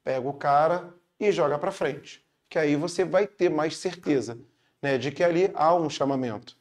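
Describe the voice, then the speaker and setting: A man's voice: on the high side, normal speed. A man with a Brazilian Portuguese accent teaching a casual online grammar lesson, chatty and upbeat, checking in with his students after every point.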